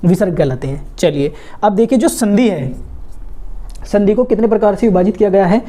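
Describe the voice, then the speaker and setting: A woman teaching a grammar lesson for exam students, asking questions and answering them herself, slowly drawing out and repeating sounds. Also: medium pitch, expressive, warm tone. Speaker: Hindi teacher.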